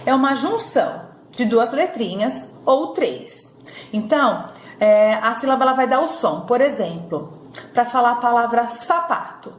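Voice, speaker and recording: A woman teaching a recorded lesson to young children, sounding out syllables slowly and checking in often. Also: on the high side, slight background noise. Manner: slow syllable-by-syllable drilling, frequent "tá bom?" checks. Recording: echoey room with faint ambience.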